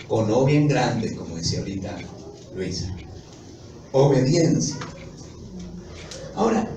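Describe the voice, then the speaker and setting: A man preaching a sermon emphatically, putting questions to his congregation and rising to loud exclamations. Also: medium pitch. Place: church. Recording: echoey hall from a distance, noisy.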